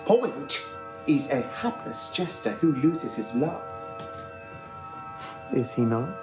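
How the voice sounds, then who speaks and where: A man playing a sharp Victorian detective who questions people in a crisp, pointed manner. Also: mid-range voice, big pitch swings, takes it slowly, music in the background. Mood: pressing. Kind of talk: amateur online musical reading.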